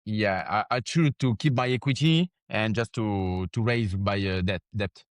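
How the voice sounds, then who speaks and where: A man's voice: lowish voice, a little slow, no echo, studio quality. A man with a French accent answering interview questions in broken English, searching for words and slipping on grammar. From France. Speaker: founder of a gym franchise, interview guest.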